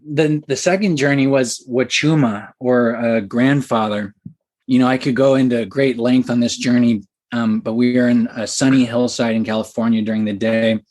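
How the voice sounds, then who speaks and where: A young man telling a story as a podcast guest, excited and animated, with many fillers. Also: mid-range voice, moderate pace. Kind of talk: casual storytelling.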